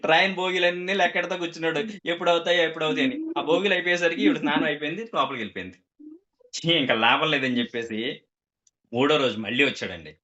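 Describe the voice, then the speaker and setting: A man's voice: on the high side, fast talker, pushed and bright, muffled recording. A man telling a comic story to a group, acting out the characters' quoted lines.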